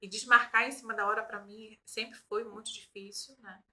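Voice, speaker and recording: A woman's voice: medium pitch, little pitch movement, moderate pace, sharp tone, poor audio. A woman hosting a casual conversation, a mother who talks reflectively and ends many phrases with tag questions. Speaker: host.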